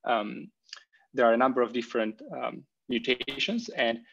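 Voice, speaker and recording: A man's voice: mid-range voice, moderate pace, creaky, fairly bright tone, slightly rough, lo-fi sound. Man on screen-recorded video-call audio, hesitant. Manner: hesitant, many ums and uhs, restarts. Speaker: invited research speaker. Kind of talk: academic presentation over video call. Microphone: computer mic on a video call.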